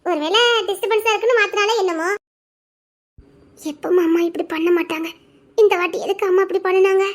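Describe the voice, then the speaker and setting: Brief: actress playing squabbling schoolgirls, quick teasing banter, very high voice. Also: fairly even intonation. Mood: gossipy. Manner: bickering, teasing, quick back-and-forth. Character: chatty teenage schoolgirls gossiping after an exam. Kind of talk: audio drama acting.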